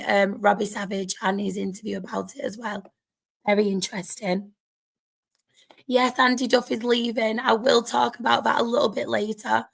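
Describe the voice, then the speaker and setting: A woman's voice: on the high side, gravelly. A woman with a sore, strained throat, chatting casually to viewers as host of a football fan livestream.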